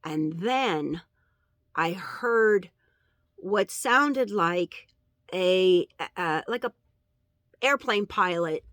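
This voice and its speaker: A woman recounting a dream in a casual religious testimony, halting and earnest, with many fillers and pauses. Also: mid-range voice, no echo, studio quality. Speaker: vlogger sharing a dream.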